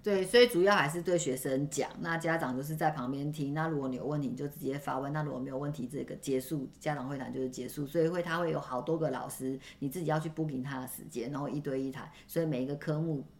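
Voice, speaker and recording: A woman's voice: deep voice, fairly even intonation, fast, few pauses. A woman in her forties from Taiwan, hosting a parenting podcast as a casual chat and dropping English words into her talk. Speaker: podcast host.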